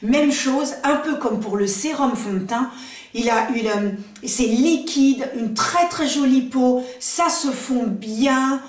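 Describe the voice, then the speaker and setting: Chatty high-voiced woman reviewing makeup. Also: slow. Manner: chatty, enthusiastic, many fillers and asides. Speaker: beauty vlogger. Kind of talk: casual product review to camera. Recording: echoey room, voice a bit far from mic.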